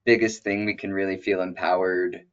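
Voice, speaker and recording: A man's voice: low-pitched, little pitch movement, normal speed, muffled recording. A man in his twenties hosting a webinar, asking questions hesitantly with many fillers. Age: 20s. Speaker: webinar host. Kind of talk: casual interview chat.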